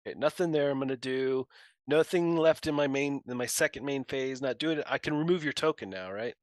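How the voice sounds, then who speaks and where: A man plays a board game on a live stream, talking through each choice out loud. He jokes along and laughs easily. His voice is middle-pitched, with a dry, close sound. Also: a little fast, no echo. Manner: playful, laughs easily, thinks aloud. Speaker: guest player. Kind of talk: casual livestream chat while playing.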